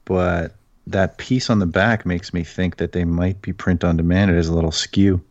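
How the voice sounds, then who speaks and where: A man with a very low voice talking in a measured, thoughtful way during a casual podcast chat. The sound is dull and lo-fi. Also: fairly even intonation. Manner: thoughtful, measured, checks agreement with "right?". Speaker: podcast co-host discussing books.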